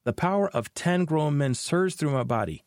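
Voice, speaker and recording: A man hosting a podcast, telling a personal story of faith in an earnest, expressive way. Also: on the high side, moderate pace, no room sound, clean studio sound. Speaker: podcast host.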